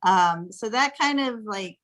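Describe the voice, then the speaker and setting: A woman in her thirties from Texas, a guest on a podcast interview, chatting in an animated, playful way and laughing often. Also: mid-range voice, slow. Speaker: podcast guest, flirt coach. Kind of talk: casual interview chat.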